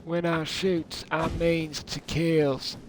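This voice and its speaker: A British man doing a put-on thick Southern US Texan drawl gives hammy, joking, rambling commentary on his game livestream. His voice is fairly high, flat and slow, and the noisy recording has game battle sounds behind him.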